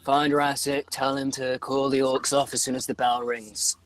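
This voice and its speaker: A stern orc war chief, played by a man in a tabletop game gives curt orders. His voice is mid-pitched and plain, and his manner is commanding. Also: level tone, moderate pace, lightly acted, rough recording.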